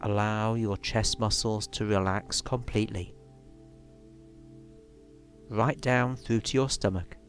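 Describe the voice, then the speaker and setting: Slow, low-voiced man guiding relaxation. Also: fairly even intonation. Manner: slow, soothing, measured instruction with long pauses. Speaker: relaxation and hypnosis guide. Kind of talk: guided relaxation meditation. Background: music.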